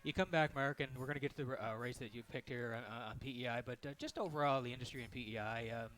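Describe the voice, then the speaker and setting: A man's voice: mid-range voice, quick pace, a bit bright, low-quality recording. A man hosting a conversational sports interview. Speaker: interview host.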